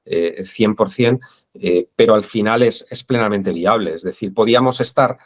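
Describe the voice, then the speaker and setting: A man's voice: on the low side, normal speed. A man with a Spain Spanish accent, interviewed as an expert guest, who speaks hesitantly with many fillers. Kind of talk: interview conversation.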